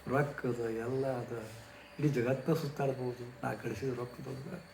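A man voicing a weary, lonely older rich man who speaks in a soft, subdued, complaining voice. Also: mid-range voice, steady tone, moderate pace, vocal fry, reverberant, slight background noise, lightly acted, poor audio.

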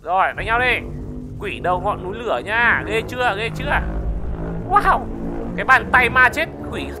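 An excitable gaming channel host, giving let's-play commentary, often shouting wow and repeating words in quick bursts. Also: medium pitch, music in the background. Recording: clear background noise.

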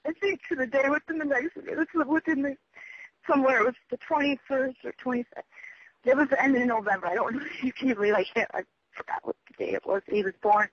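A man with a high-pitched voice leaves a long, rambling voicemail message. He speaks haltingly, loses his thread and swears as he goes. The sound is dull and lo-fi, like a telephone recording. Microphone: phone.

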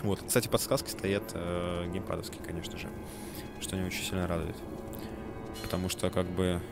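A man's voice: low-pitched, little pitch movement, moderate pace, creaky. A man casually commenting on a video game as he plays it, joking, swearing now and then, and reading the on-screen text aloud. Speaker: gamer playing a video game. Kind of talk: casual let's-play commentary. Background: game music.

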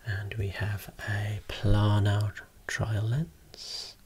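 A voice whispering slowly and softly, showing eye-clinic equipment as an ASMR role-play optometrist. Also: deep voice, little pitch movement, slight background noise. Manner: soft unvoiced whispering, explaining slowly.

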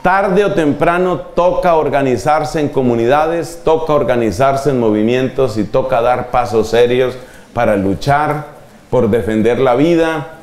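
A man preaching a lively sermon to a live audience, shifting his pitch for emphasis. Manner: animated, shifting pitch for emphasis and quoted children. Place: large hall at a church retreat. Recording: echoey hall.

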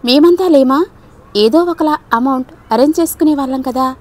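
A woman's voice: high-pitched, normal speed, a little mellow, voice pushed up, natural voice. Woman playing an irritable, sarcastic young man. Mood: eager. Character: hot-tempered young man friend, sarcastic.

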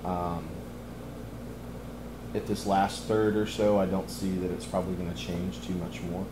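A middle-aged man, chatting casually in a cigar lounge as he reviews a cigar, relaxed and easygoing with many ums. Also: low voice, a little slow, roomy sound, noisy background. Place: cigar lounge, indoors, leather chairs.

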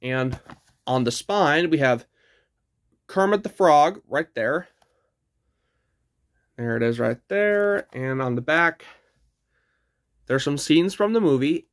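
A man's voice: fairly high pitch, animated, takes it slowly, pauses often. A man casually reviewing a DVD for his channel, chatty and eager as he points out what he is showing.

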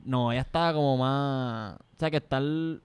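A man's voice: medium pitch, moderate pace, smooth. A young man with a Puerto Rican Spanish accent, co-hosting a podcast in joking, casual chat, mixing English words into his Spanish. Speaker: podcast co-host.

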